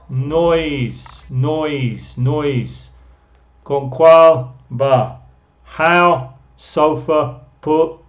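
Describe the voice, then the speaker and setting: A man's voice: a little high, darkish tone. A man teaching a beginner language lesson, patiently explaining step by step and drilling each vowel sound by repeating it many times. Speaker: English teacher.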